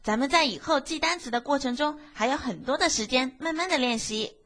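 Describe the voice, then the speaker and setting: A woman's voice: high-pitched, a little fast, a bit bright. A woman teaching a beginner language lesson, explaining patiently step by step and asking the class questions. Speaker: Japanese teacher.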